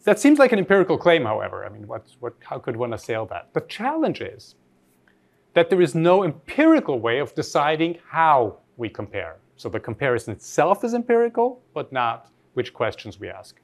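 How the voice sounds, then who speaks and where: A man's voice: mid-range voice, wildly swooping pitch, moderate pace, vocal fry. A man from Austria giving an academic lecture, reflective and posing rhetorical questions to his audience.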